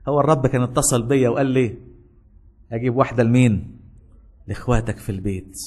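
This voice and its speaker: A man with an Egyptian accent voicing a kind soldier in a sermon story, speaking softly and reassuringly. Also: medium pitch, fast talker, natural voice. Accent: Egyptian Arabic. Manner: soft, reassuring. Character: kind gentle adult male soldier.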